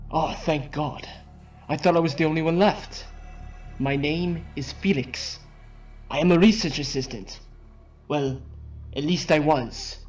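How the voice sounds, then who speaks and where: A fairly high-pitched young male research assistant in a zombie game. He is anxious and earnest, speaking with dramatic urgency. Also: highs cut off. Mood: frightened, pleading. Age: young adult. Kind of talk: acted game character dialogue.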